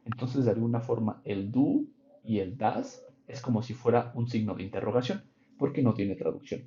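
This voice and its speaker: Man, english teacher, online class, patient explaining, warm mellow tone, muffled recording. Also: lowish voice, slight background noise. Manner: patient, explanatory, checks in with students. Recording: dull lo-fi online class audio.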